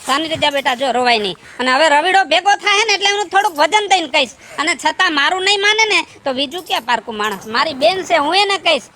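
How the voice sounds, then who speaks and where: A man's voice: extremely high pitch, lively intonation, very fast, few pauses, sharp tone, a little hiss or hum, heavily acted. A man playing a caring village maternal uncle in a comedy sketch, with a Saurashtra Gujarati accent, giving fatherly advice. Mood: counselling. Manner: fatherly counselling.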